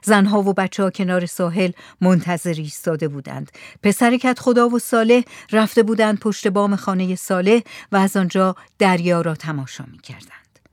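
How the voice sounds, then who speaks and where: A woman narrating a story in a soft, hushed reading voice. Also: medium pitch, dry recording, studio quality.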